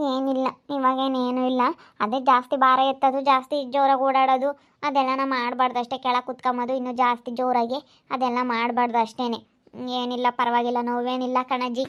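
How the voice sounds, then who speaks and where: High-voiced soothing village woman. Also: fairly bright tone. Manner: soothing, scolding elder. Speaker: actor in a village family drama. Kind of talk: amateur family drama acting.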